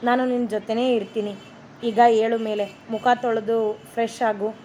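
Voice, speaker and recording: A calm, caring young husband from a read-aloud love story, talking gently and reassuringly, as a woman narrator voices him. His lines keep the light, slightly high voice of the reader. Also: moderate pace, slight background noise, natural voice.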